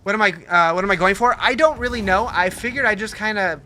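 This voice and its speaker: High-pitched, bright-voiced man streaming a game. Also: quick pace, slight background noise. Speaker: game livestreamer. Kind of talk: casual gaming commentary, answering chat.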